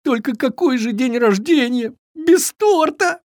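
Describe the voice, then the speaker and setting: A storyteller voicing Trisha, a little male fawn who cries easily, speaking in a high, wailing voice. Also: animated, measured pace, no echo, clean studio sound. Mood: tearful.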